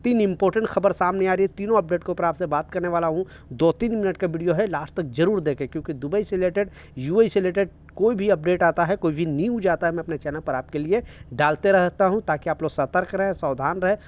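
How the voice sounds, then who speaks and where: A man's voice: high voice, fast, darkish tone. Guy doing casual visa news for workers, earnest, keeps repeating himself to warn people. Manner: earnest, repetitive, urging viewers. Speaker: news vlogger for workers in the UAE.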